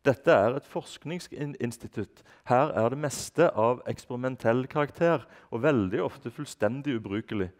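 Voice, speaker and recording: A man reading from a novel, voicing a stiff, solemn head butler with a flat, clipped, scolding manner. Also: medium pitch, hardly any pauses, pitched above the performer's own voice, natural voice. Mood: curt, scolding.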